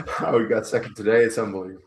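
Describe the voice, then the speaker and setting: A man from the Netherlands with a Dutch accent, giving emotional, excitable live reactions as a streamer during a race watchalong. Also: lowish voice, fast.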